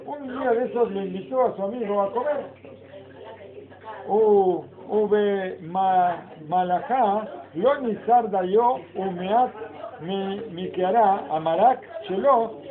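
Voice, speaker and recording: A man, a rabbi teaching a Torah lesson. He reads Hebrew passages aloud, then explains them in with rhetorical questions. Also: high voice. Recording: phone-like lo-fi recording of a class with people around.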